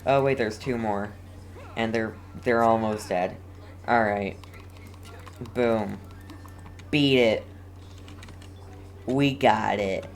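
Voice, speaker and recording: Casual live commentary and viewer chat come from a video game streamer with a mid-range voice, whose delivery is halting and often repetitive.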